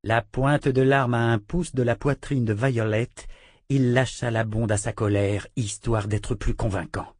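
A man narrating a fantasy audiobook in a measured, expressive reading. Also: mid-range voice, dry recording, clean studio sound.

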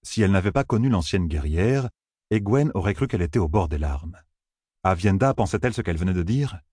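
Male audiobook narrator, deep, husky, dry close sound. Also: expressive, brisk, a little mellow, no room sound. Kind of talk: scripted fantasy narration.

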